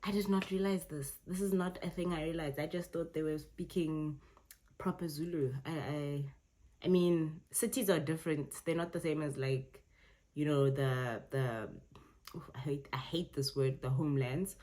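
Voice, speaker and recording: Brief: young South African woman vlogger, South African accent, low voice, chatty reaction talk. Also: fairly even intonation, normal speed, mellow. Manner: chatty, self-correcting, laughs often. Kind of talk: casual reaction commentary.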